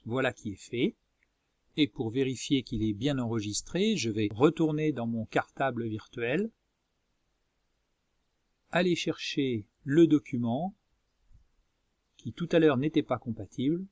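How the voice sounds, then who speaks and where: A man presenting a software tutorial as a screencast voice-over, explaining methodically step by step. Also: mid-range voice, lively intonation, unhurried, long pauses, no room sound. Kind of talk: instructional screencast narration.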